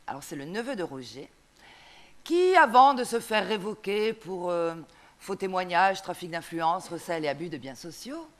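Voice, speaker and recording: A woman speaking from a theatre stage in a live comedy, prim and quick to correct. She slips into a gossipy, storytelling manner during long monologues. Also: mid-range voice, fairly bright tone. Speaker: comic actress.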